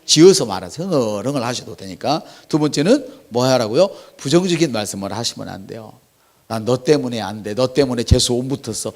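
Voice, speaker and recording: Animated Korean pastor preaching, man. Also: medium pitch, brisk. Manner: animated preaching with acted quotes. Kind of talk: sermon.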